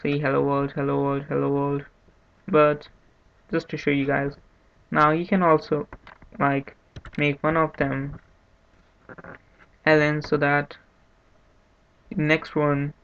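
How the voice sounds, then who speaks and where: A man hosting a screen-recorded programming tutorial, talking in a monotone, unhurried way and thinking aloud with restarts. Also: fairly high pitch, vocal fry, smooth. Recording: dull lo-fi mic with faint hiss. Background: keyboard typing and clicks.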